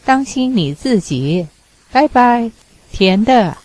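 A woman reading the lines of a smooth-talking bachelor on the phone, coaxing and then firm. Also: fairly high pitch, animated, takes it slowly, darkish tone.

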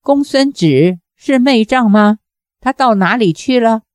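A woman's voice: medium pitch, lively intonation, slow pace, a little mellow, dry recording, clean studio sound. A woman voicing an old male monk, a former fighter, who mutters in confusion over revenge. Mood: troubled. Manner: muttering, troubled.

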